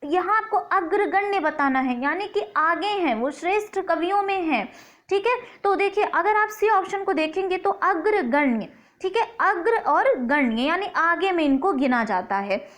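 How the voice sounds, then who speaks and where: A woman with a very high voice leads an exam-prep lesson as the teacher. She explains each question step by step and slows down to sound out key words carefully. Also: lively intonation, fairly bright tone. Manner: explains step by step, repeats words slowly to stress pronunciation.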